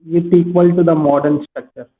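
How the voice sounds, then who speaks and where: A young male student answers his professor in halting phrases during an online class. His voice is a little high. It comes through thin and tinny, like a phone line. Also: flat delivery. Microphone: video call. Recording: tinny call audio.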